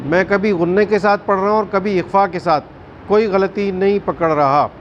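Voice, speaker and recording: A man teaching a Quran recitation class, firm and questioning, drawing out recited words slowly. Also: high-pitched, fairly even intonation, highs cut off, slight background noise. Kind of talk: classroom tajweed lesson.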